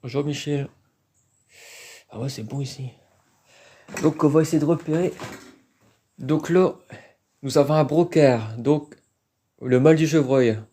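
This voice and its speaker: A man's voice: a little high, unhurried, long pauses, dark tone. A man giving casual, hesitant live-stream commentary while exploring an abandoned site outdoors, talking into a handheld phone. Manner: casual, hesitant, thinking aloud.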